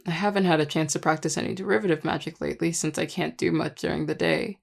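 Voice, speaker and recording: A performer voicing a charming, affectionate vampire lover in an intimate audio role-play, teasing and tender in a relaxed, gravelly voice. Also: mid-range voice, fast talker. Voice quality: gravelly, heavy vocal fry. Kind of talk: intimate audio role-play, one-sided dialogue to listener.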